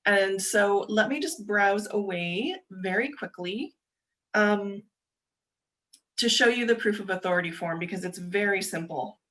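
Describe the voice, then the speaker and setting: A young adult woman giving a quick, chatty webinar presentation over a video call, explaining steps with frequent ums and uhs. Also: medium pitch, a bit bright. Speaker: presenter for a government agency.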